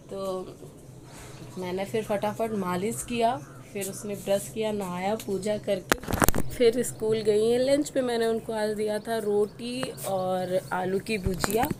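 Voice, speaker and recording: A woman's voice: medium pitch, background noise. Chatty woman vlogging at home. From Uttar Pradesh, India. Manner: chatty, speaks straight to viewers. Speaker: vlogger and mother. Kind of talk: casual home vlog. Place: family home.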